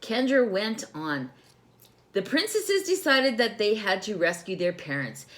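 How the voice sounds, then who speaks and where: A woman in teacher mode reads a children's tale aloud, pausing to quiz her young listeners and explain things. Her pitch is medium and her delivery sing-song, with a fairly bright tone.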